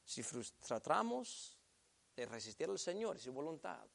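Bright, high-voiced Spanish-language preacher man. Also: sing-song, unhurried, creaky. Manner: emphatic, swings from loud exhortation to quiet asides. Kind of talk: sermon.

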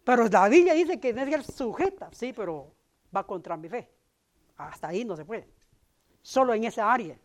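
A man's voice: extremely high pitch, expressive, normal speed. Conversational middle-aged male pastor preaching. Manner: conversational, addresses the congregation with tag questions. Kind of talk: sermon.

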